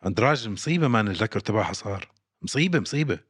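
A man's voice: lowish voice, lively intonation, rapid-fire, fairly bright tone, breathy edge, no echo. A man, co-hosting a casual sports podcast and emphatically repeating his points. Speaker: podcast co-host.

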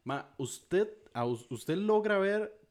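A young Costa Rican man co-hosting a podcast in easygoing, slang-filled chat. His voice sits a little high for a man and swings up and down animatedly as he rambles through his points. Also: animated, takes it slowly, a little mellow. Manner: slangy, rambling, peppers speech with "mae". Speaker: podcast co-host. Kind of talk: casual chat.

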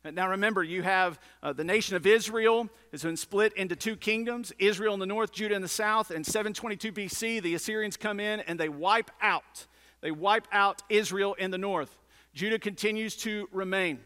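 Speaking to his congregation in a large indoor hall, this pastor delivers a teaching sermon in a high, bright, forceful, clean voice at a moderate pace. His style is conversational, full of emphatic repetition and rhetorical questions, and the sound echoes through the large room.

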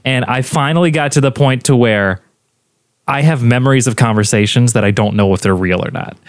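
A young man co-hosting a casual podcast, jokey and quick to laugh. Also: mid-range voice, clear, resonant tone, no room sound, studio quality. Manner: animated, laughs often, jokey. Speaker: podcast co-host.

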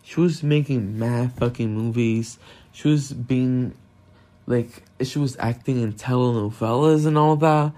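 A man's voice: medium pitch, a little slow, mellow. A nineteen-year-old man from Brazil talks through his worries in a solo podcast. He rambles, restarts and swears freely, packing his speech with fillers. It is recorded on his phone. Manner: anxious, rambling, swears a lot, many fillers. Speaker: podcast host.

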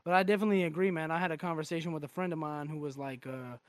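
A man's voice: a little high, steady tone, racing, clear, resonant tone, dry recording. A man in his twenties hosting a podcast, frank and casual, swearing freely. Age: 20s. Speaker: podcast host.

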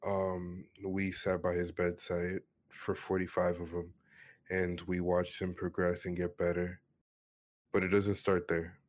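A man's voice: sits low, monotone, a little slow. A man in his twenties from Miami tells his personal story in an earnest, matter-of-fact way during a casual interview. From Miami, Florida, USA. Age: 20s.

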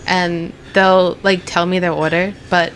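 Young woman guest, chatty and loose, slightly low voice, faint hiss behind. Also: level tone, unhurried. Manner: chatty, frequent "like" and "you know". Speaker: restaurant owner's daughter, guest. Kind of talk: casual chat.

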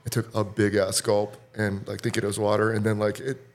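A man's voice: on the low side, flat delivery, a little fast. A young man from Florida, a podcast guest, telling casual stories and swearing freely. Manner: laid-back storyteller, swears freely. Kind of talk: casual chat.

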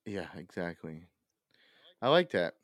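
A man co-hosting a casual podcast, rambling and swearing with lots of fillers, excitable. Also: sits low, a little slow, dry recording. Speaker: podcast co-host.

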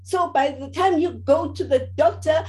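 Woman pastor preaching, high voice, lots of repeating and declaring. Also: moderate pace, dark tone. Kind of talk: sermon. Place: online prayer service.

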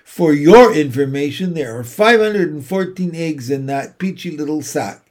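Man playing an earnest young pig, raised pitch. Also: animated, moderate pace, close to an everyday voice. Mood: indignant, proud. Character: young male pig, earnest, indignant, proud friend.

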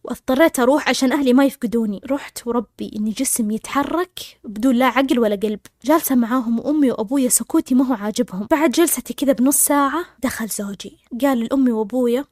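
Rapid, high-voiced woman telling a story. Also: darkish tone, no echo, clean studio sound. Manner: rapid, intense retelling full of quoted dialogue. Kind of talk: emotional first-person storytelling.

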